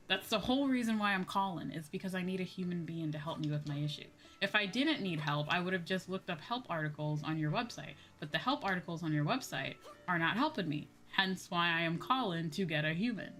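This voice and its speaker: This VTuber livestream host has a lowish, slightly bright voice. She chats casually as she games, bluntly and with plenty of swearing, going over her points again for emphasis.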